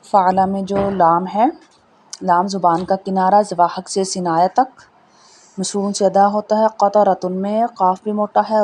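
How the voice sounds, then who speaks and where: A woman teaching a Tajweed lesson, spelling out letters slowly and patiently explaining how each one is pronounced, with faint background noise. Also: medium pitch, warm tone. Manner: slow, patient, repeats each point. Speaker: Quran reading teacher.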